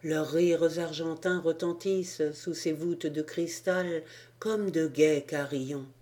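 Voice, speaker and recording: A kindly archangel speaks fondly of the child souls in his care, voiced by a woman. The delivery is slow and unhurried. The tone stays mellow and dark. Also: low voice, fairly even intonation.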